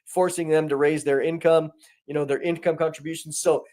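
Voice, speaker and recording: A man giving conversational commentary as a guest, animated, with many restarts and rising emphasis. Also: fairly high pitch, a little fast.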